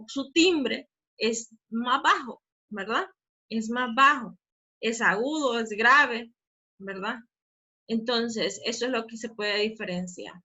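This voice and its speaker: A woman's voice: a little high, pushed and bright. A woman teacher explaining a physics lesson, often checking in with the class. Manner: explanatory, often asks "¿verdad?" to check understanding; says she talks fast.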